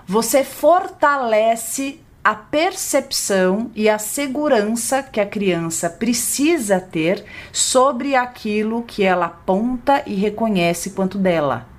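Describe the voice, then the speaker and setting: Casting: woman psychologist, podcast co-host, gentle explanatory delivery. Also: slow, hardly any pauses. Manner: gentle, explanatory, lively pitch when voicing a parent to a child.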